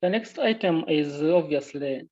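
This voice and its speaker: Halting man on a muffled conference call. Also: fairly high pitch, animated, a little mellow, a little hiss or hum. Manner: halting, stammering starts. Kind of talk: hesitant agenda talk on a conference call.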